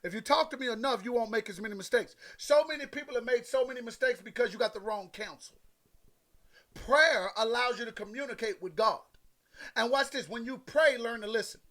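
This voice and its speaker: A man's voice: very high voice, a bit bright. A man giving a motivational sermon, preaching emphatically and repeating his points, with a conversational, folksy way of talking to his listeners. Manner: emphatic, repetitive preaching with direct address to listeners.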